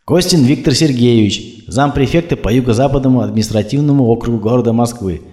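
A man's voice: mid-range voice, quick pace, dark tone, close to an everyday voice. A stiff, bureaucratic middle-aged official, played by a male reader, speaking in formal phrases. A light room echo surrounds the voice. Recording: roomy echo.

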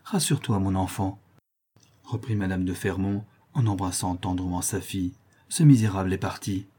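A man's voice: deep voice, steady tone, a little fast, warm tone, slightly rough. A man voicing a frightened, desperate middle-aged mother who speaks in a pleading, anxious way. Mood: tender.

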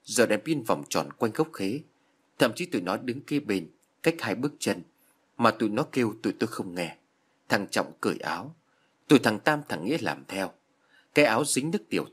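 A man narrating a horror story in an expressive, dramatic reading. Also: on the low side, slightly rough.

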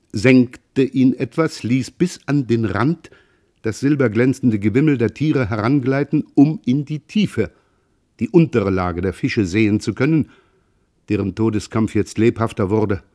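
Male audiobook narrator, lowish voice, measured literary reading. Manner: measured, expressive storytelling. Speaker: audiobook reader.

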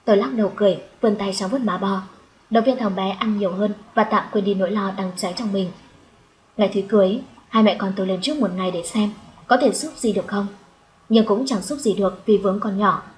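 A woman narrating a story in the first person as an audiobook, in a calm, reflective way. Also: mid-range voice, a little fast, rough recording.

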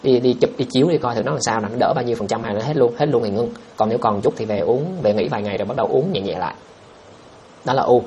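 A man's voice: medium pitch, fast talker, warm tone, highs cut off, a little hiss or hum. A man, hosting a livestream and answering viewer questions in a blunt, scoffing way. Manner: blunt, scoffing, reads out viewer comments and answers them directly. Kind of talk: casual livestream chat.

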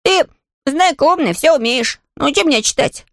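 A narrator voicing a cheeky, lazy little boy in a storybook reading, coaxing and flattering. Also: normal speed, no echo, clean studio sound. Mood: pleading. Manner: coaxing, flattering, high and boyish.

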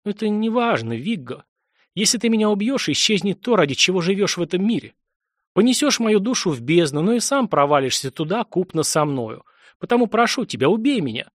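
A man's voice: high voice, sing-song, brisk, no room sound, voice pushed up. A weary young male squire, grieving and earnest, speaking in a subdued voice that still rises and falls expressively, as a male narrator reads him. The recording of this storybook is dry and close, with no room around it. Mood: grave.

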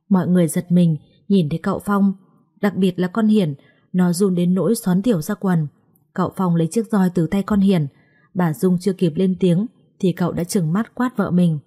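Mellow-voiced woman telling a story. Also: lowish voice, slightly rough. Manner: reads every character herself, sharper and faster for quarrels. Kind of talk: scripted story narration with voiced dialogue.

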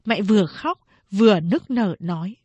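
A woman narrating a novel in a steady, measured storytelling voice. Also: medium pitch, breathy edge, no echo.

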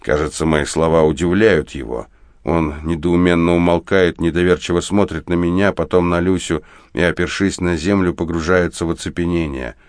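A man narrating first-person war prose in a steady, grim, measured audiobook reading. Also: low voice, no room sound, studio quality.

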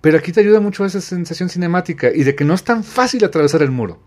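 A man's voice: high voice, animated, rapid-fire. A man co-hosting a casual comic book podcast in a bantering, playful way. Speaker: podcast co-host.

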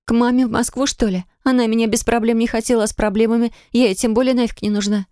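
A woman's voice: on the high side, level tone, fast, warm tone, no room sound, clean studio sound, voice pushed up, lightly acted. A woman reading an audiobook, voicing an anxious, frightened young woman who talks in breathless, pleading bursts.

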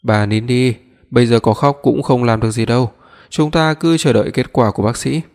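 A man reading the lines of a calm older father in an audiobook, in a soothing, placating way, with a long reverb behind his voice. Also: medium pitch, brisk, close to an everyday voice.

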